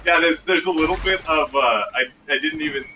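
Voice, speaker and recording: A man's voice: fairly high pitch, a little fast, pushed and bright. A man co-hosting a gaming stream, chatting casually in rambling, restarting sentences and swearing freely. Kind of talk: casual chat while playing a video game. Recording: distant mic with clear background noise.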